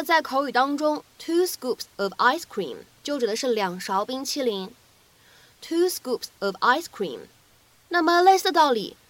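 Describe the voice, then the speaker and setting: High-voiced woman teaching pronunciation. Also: fairly bright tone, no echo, rough recording. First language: Chinese. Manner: measured, slowly repeats English phrases for practice. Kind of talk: explanatory lesson narration.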